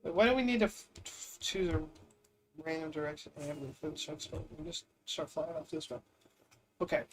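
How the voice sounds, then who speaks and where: A man's voice: a little high, lively intonation, fairly quick. Rambling, sarcastic young gaming streamer guy. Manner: incredulous, rambling, sarcastic banter with chat. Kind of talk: casual gaming commentary.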